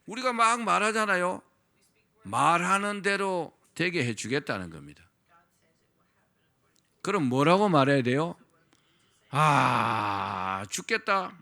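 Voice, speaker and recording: A man's voice: high voice, expressive, a little slow, pauses often, sharp tone. A man preaching a sermon as pastor, asking the congregation questions and having them repeat phrases after him.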